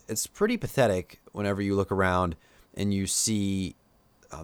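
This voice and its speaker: Here a man with a low-leaning voice and a Pennsylvania Dutch accent gives casual live-stream commentary, with no room sound in the recording. He's a YouTuber who rambles to his viewers, sharing his views between frequent fillers.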